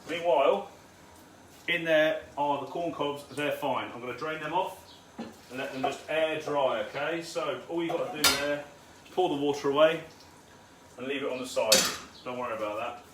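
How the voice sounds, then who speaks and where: In a spacious, noisy home kitchen, a man leads a live cook-along, chatting freely with viewers and swearing a lot. His voice is slightly high and his pace moderate.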